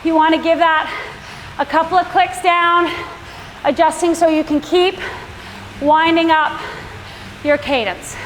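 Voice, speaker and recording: A woman's voice: extremely high pitch, fairly even intonation, a little slow, long pauses, a bit bright, a little hiss or hum. A woman indoor cycling coach leading a workout with encouraging, projected cues and countdowns. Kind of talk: workout class instruction with countdowns. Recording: echoey room with music playing. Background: workout music.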